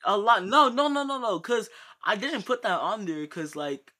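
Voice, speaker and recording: A young man hosting a casual question session on a low quality, glitchy online stream, teasing and insistently repeating himself. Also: big pitch swings, normal speed, bright, forceful tone. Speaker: host asking questions. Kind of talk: casual bantering group chat. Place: online voice call.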